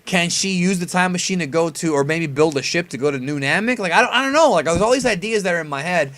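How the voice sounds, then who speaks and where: A man with a slightly high voice talks at a quick pace while hosting a reaction video on an anime preview. His fan commentary is casual and informal, laced with mildly profane slang.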